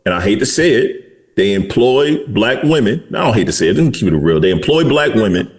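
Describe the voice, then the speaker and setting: A man's voice: fairly low pitch, expressive, a little fast. A man in his forties hosting a podcast, talking bluntly and candidly with some swearing in casual chat. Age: 40s. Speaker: podcast host.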